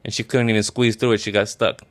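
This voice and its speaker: A man casually retelling a story in a rambling, profane, deadpan way, as a comedy bit. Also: lowish voice, fast.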